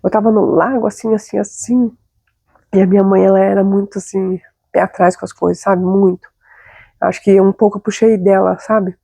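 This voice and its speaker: A woman's voice: mid-range voice, flat delivery, normal speed, gravelly, warm tone, no echo. A young adult woman with a Brazilian Portuguese accent, hosting and telling a personal story in a chatty, confiding way with frequent tag questions. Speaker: host.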